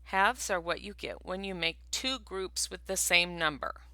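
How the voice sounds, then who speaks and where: A woman voicing a small, brave female mouse in a storybook, with a high, earnest, squeaky voice. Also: measured pace, pushed and bright, no echo.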